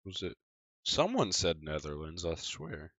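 A man streaming a game live, chatting casually with viewers and reacting excitably to the action. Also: deep voice, a little slow, slightly rough, no room sound, highs cut off. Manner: excitable, chatty, talking to chat while playing.

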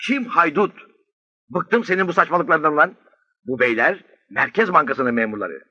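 A furious boss, fed up and scolding. His husky voice is bright and swings wildly in pitch as he fires his employee. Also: lively intonation, moderate pace, dry recording, lo-fi sound, exaggerated voice. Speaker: angry boss.

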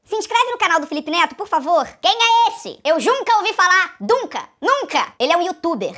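A Brazilian man voicing a sweet, confused elderly grandmother in a high falsetto old-lady voice. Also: sing-song, fairly quick, pushed and bright, full character voice. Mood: flustered.

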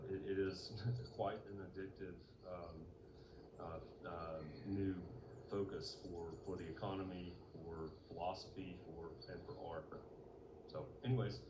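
A very deep-voiced man talks casually on an online community call, stopping often with ums and restarts. His audio is muffled and noisy. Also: fairly even intonation, unhurried, echoey room. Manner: hesitant, many fillers and restarts. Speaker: community member giving an update.

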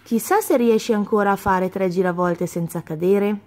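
A woman voicing a gentle old grandfather goose in a children's story, who talks softly and coaxingly. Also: mid-range voice, moderate pace, close to an everyday voice. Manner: soft, hushed, coaxing.

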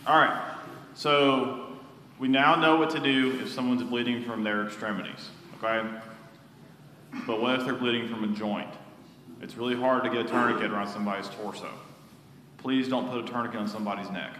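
A man's voice: medium pitch, steady tone, sharp tone, slight background noise. Casual man teaching first aid, echoey hall. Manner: casual, with fillers and quick restarts. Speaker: safety instructor. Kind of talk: hands-on first aid class. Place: church hall. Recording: echoey hall with long reverb.

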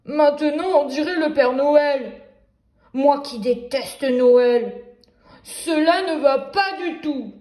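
A woman voicing a big, fussy male wolf who loudly complains about how he looks. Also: sits high, slow, roomy sound. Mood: indignant. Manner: loud exclaiming, theatrical complaints.

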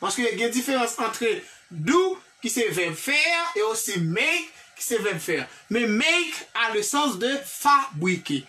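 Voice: mid-range voice, sing-song, slow, pushed and bright, far from the mic. A teacher with a Haitian accent giving a classroom grammar lesson, drilling example sentences one by one and checking in with the class. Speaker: English teacher.

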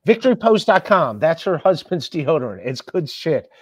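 A man's voice: a little high, big pitch swings, husky. Profane, ranting man on a podcast. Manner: profane, ranting, quick to anger. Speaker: comedian podcast host. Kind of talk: casual podcast chat.

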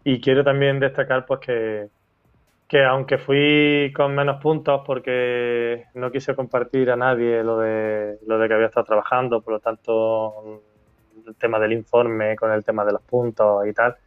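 A man speaks in an easy, conversational way and acts out the voices of people in his story. His audio has a dull, slightly lo-fi quality, and his pitch sits in a middle range. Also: a little slow, smooth, faint music behind. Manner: animated storyteller, acts out quoted dialogue. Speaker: interview guest, teacher.

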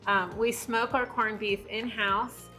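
A restaurant owner in her forties chats in a friendly way during a casual sit-down interview in an indoor brick-walled restaurant booth, laughing easily. Her voice is a little high, bright and forceful, with fairly even intonation and a slow pace. It's a low-quality lapel-mic recording with faint music behind.

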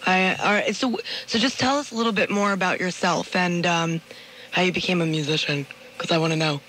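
A woman hosting a radio talk show, gushing and excitable, stumbling into restarts. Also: on the low side, a little fast, slight background noise, poor audio. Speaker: radio host. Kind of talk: casual radio chat. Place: radio studio.

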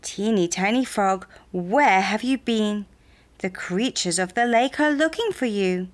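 Big bustling bunny, urgent and brisk, put on by a woman, children's puppet show. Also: medium pitch, animated, close to an everyday voice.

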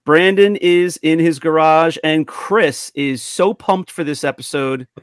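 Hosting a podcast over a video call from home, this man runs a lively, casual group conversation about toys in an upbeat, announcer-style manner. His voice is slightly high and he talks a little slowly. The studio-quality audio has no room sound.

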